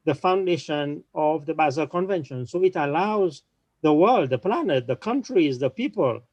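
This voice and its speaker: Guy talking at a conference panel, measured explainer, lots of restarts, dry close sound. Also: fairly high pitch, expressive, no echo, dull audio. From small island nation. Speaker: panel speaker.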